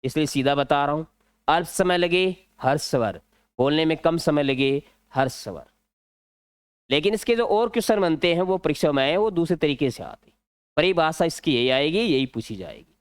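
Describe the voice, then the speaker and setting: A man with a Rajasthani Hindi accent teaching an exam-prep grammar lesson, explaining slowly and repeating key words. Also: on the high side, animated, clean tone, dry recording.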